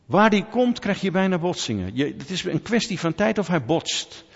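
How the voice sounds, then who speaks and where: Male preacher, lively delivery, muffled hall recording with long reverb. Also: on the high side, creaky. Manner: animated preaching, rising to near-shouts when quoting. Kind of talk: sermon. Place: church hall.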